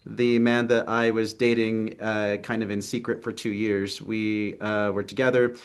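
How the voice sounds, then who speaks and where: A young adult man from Texas, United States, who writes and acts in films, speaks earnestly in a casual video-call interview, full of ums and restarts. His voice is lowish, smooth and level, and a little slow. He's in a city apartment, with street traffic audible outside.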